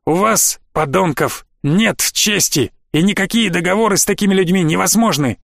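A man's voice: high-pitched, moderate pace, creaky, fairly bright tone, dry recording, clean studio sound, full character voice. A man voicing an old male professor in an audiobook, tender and resolute, ready to sacrifice himself. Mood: contemptuous. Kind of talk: audiobook reading.

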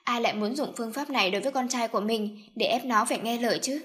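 A woman's voice: fairly high pitch, quick pace, a bit bright. Woman narrating an audiobook. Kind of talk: scripted narration.

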